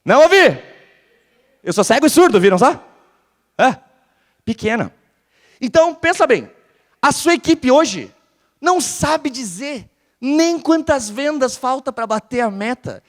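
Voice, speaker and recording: A conference speaker from Porto Alegre with a southern Brazilian (gaúcho) accent gives an energetic live business talk in a large hall, keeping the audience engaged by quizzing them. His voice is extremely high, at a moderate pace with long pauses, and the hall sound is reverberant.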